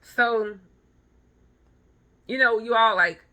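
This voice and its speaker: On a rough recording, a woman in her thirties speaks slowly in a fairly high, sharp-toned voice. She's a vlogger and photographer delivering an emphatic, blunt motivational talk with personal stories and repeated phrases for emphasis.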